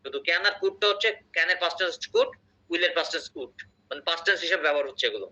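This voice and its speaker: A man runs an online English lesson. His voice sits a little high and sounds very bright and sharp. He explains patiently and keeps asking whether the class is following. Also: normal speed, poor audio. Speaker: English teacher.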